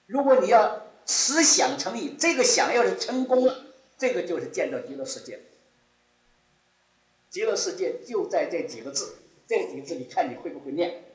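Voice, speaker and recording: Lively, echoey Buddhist teacher, a man. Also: sits high, moderate pace. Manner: rises and drops sharply, repeats key phrases. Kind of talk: Buddhist dharma talk.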